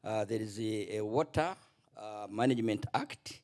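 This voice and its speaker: A middle-aged man giving a spontaneous remark at a conference panel, halting and restarting often. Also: fairly low pitch, darkish tone. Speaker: panel contributor, former legislator.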